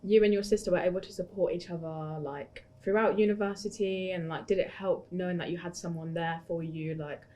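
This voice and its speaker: A woman's voice: fairly low pitch, steady tone, a little fast, few pauses, warm tone. A woman with a London accent interviewing a graduate. She laughs along and agrees often while asking her questions. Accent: London English.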